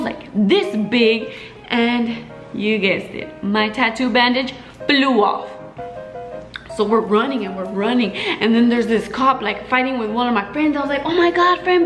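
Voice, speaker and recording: A woman's voice: fairly high pitch, a little slow, echoey room, faint music behind, low-quality recording. A young adult woman telling casual stories to camera in a chatty way, acting out the quotes with lots of fillers. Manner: chatty, animated quoting with frequent fillers. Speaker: vlogger. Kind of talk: casual storytelling.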